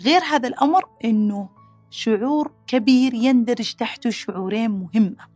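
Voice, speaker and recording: A woman's voice: on the high side, dry recording, soft background music. A woman hosting a podcast and explaining psychology in a casual way, acting out the quotes she gives. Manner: fast, animated, acts out angry quotes.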